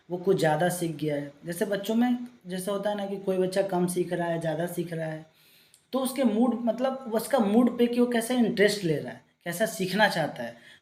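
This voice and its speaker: This exam-prep lecturer has a medium-pitched, dark voice and reads English definitions at a slow pace before explaining them in Hindi with examples from daily life. His style is loose and rambling, with many restarts.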